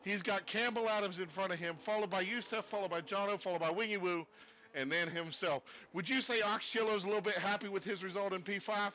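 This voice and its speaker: A man commentating a sim race in a put-on Texas accent, folksy and excitable. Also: sits high, brisk, muffled recording.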